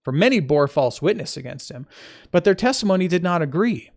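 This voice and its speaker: A fairly high-pitched man with a gravelly, creaky edge reads scripture aloud. He breaks off now and then to fix his own slips and toss in relaxed, informal remarks on the text. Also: brisk. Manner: stops to correct his slips and add informal asides. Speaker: Bible reader. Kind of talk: reading scripture aloud with casual commentary.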